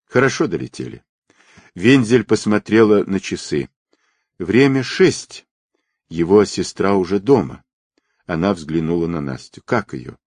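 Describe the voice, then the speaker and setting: A man reading a novel aloud as an audiobook narrator, voicing all the characters in a lively, dramatic way. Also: moderate pace, no echo. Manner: lively, dramatic reading with wide swings in pitch.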